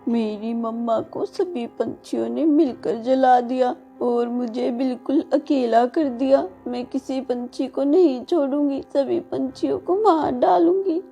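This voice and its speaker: A vengeful young witch-bird girl cries out in a high, childlike voice, played by a woman. The tone stays soft and mellow even at its shrillest. Faint music runs under her in this cartoon story. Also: unhurried, gravelly, few pauses. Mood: grieving vengeful.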